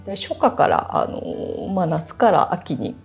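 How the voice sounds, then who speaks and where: A woman's voice: on the low side, big pitch swings, fairly quick, creaky, a little mellow, soft background music. A woman hosting a cultural experience, politely explaining the flowers to her guests.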